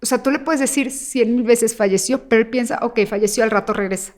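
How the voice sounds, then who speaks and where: A woman guest telling an emotional personal story, acting out the voices of the people in it and sometimes rushing through in fast bursts. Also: on the high side. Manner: animated, acts out quoted dialogue. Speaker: interview guest.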